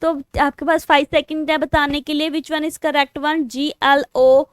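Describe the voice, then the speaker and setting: High-voiced Indian woman teaching spelling. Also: flat delivery, a little slow, dry recording, studio quality. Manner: counts aloud and spells words letter by letter; mixes Hindi and English. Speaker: English teacher for exam prep. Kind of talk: online spelling lesson.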